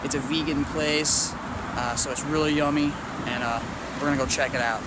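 A man's voice: fairly high pitch, steady tone, normal speed. Chatty young man vlogging over traffic noise. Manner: chatty, rambling. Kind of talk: casual vlog narration. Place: car on the road and outdoors in a city. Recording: loud noise from traffic and wind.

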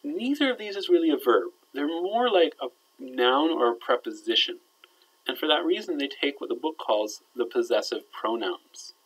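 A man's voice: fairly high pitch, animated, normal speed, low-quality recording. Man teaching grammar in a recorded lecture. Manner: explanatory, checks in with "all right?", trails off quietly at ends of phrases. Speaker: Arabic teacher.

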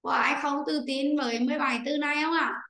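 Bright high-voiced woman teacher. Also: fairly even intonation, roomy sound, poor audio. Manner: explains slowly, repeats points to students. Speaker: English teacher. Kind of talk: online class teaching. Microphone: computer microphone on a video call.

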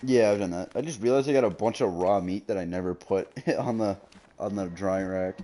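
A man's voice: fairly low pitch, brisk, warm tone, a little hiss or hum. A man streaming a game, chatting casually with a friend, joking crude and laughing often. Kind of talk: casual gaming chat.

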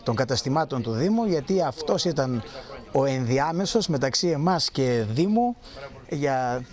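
Man, fifties, middle pitch, formal local spokesman, outdoor news statement. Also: animated, darkish tone. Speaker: local association president. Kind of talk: formal thank-you statement to news camera. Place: outdoor street market. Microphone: handheld press microphones.

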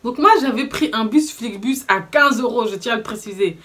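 A young woman with a Belgian French accent, telling a story to camera in casual vlog chat, animated and indignant, with slangy fillers. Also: on the high side, fairly quick. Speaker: vlogger.

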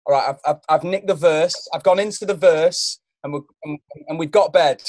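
A man's voice: on the high side, moderate pace, darkish tone, no echo. A young adult man chatting playfully as a singer guest, rambling and poking fun at himself, often stumbling over his words. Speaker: singer guest on a song game. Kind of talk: playful casual chat.

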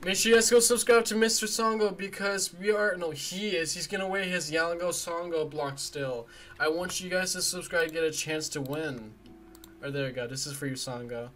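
A game streamer reacting live during gameplay, emotional and swinging from soft murmurs to excited yelling. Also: medium pitch, normal speed, slight background noise.

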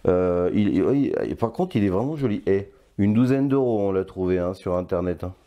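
A man's voice: deep voice, expressive, normal speed, muffled recording. An older man reviewing a toy blaster in casual, playful chat, often stopping to hesitate. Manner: chatty and playful, with many hesitations.

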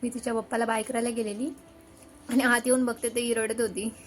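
A young mother narrates a home vlog in a high voice and drops into soft asides between bursts of cooing, sing-song talk to her little daughter. Faint music plays under her voice. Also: level tone, a little fast. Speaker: mother vlogging her toddler's morning.

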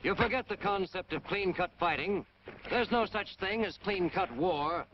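An American man narrates a 1940s military training film in a hard-boiled, punchy, emphatic style. His voice is high and his pace moderate. The soundtrack is dull and noisy, typical of the era.

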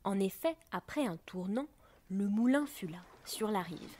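A woman narrating a children's story aloud, gently and softly, often dropping close to a whisper. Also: medium pitch, animated, a little slow, noisy background. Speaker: reader.

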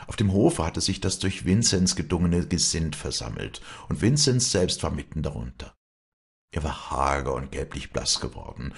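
Deep, gravelly, husky male narrator. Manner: expressive, measured storytelling. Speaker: audiobook reader. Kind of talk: audiobook narration.

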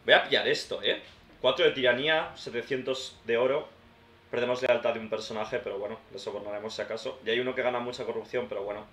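Chatty gamer thinking aloud. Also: male voice, medium pitch, steady tone, fast talker, fairly bright tone. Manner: chatty, thinks aloud, addresses viewers as "tío" and "hermanos". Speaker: gaming YouTuber. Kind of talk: casual let's-play commentary. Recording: roomy sound with faint background noise.

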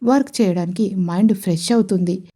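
A woman voicing a shy, polite young woman CEO who speaks hesitantly and pleads softly in an audio story. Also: mid-range voice, a little fast, natural voice.

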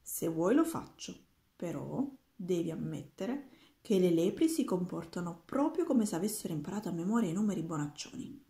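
A calm, smug old wizard, as a woman reader puts him on. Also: on the low side, creaky. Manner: unhurried, unbothered. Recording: roomy echoing room.

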